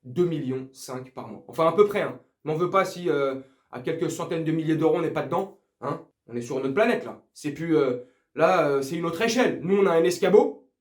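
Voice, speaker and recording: Speaking fairly quickly with lively intonation and a voice on the high side, a man delivers casual ranting football commentary to viewers from an echoey room. As a fan video host, he's crude and slangy, teasing and confrontational.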